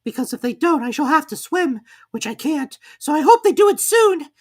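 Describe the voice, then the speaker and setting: Storybook piglet, played by a woman: small timid male, thin high squeak, anxious and childlike. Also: lively intonation, moderate pace, a little mellow. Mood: worried, hopeful. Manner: fretful, earnest, childlike.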